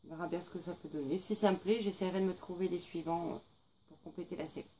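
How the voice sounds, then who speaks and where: A woman's voice: fairly low pitch, fairly even intonation, fast talker, warm tone, slight background noise, rough recording. A young woman chatting casually about books she bought, hesitating often with fillers. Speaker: book vlogger. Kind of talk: casual book haul vlog.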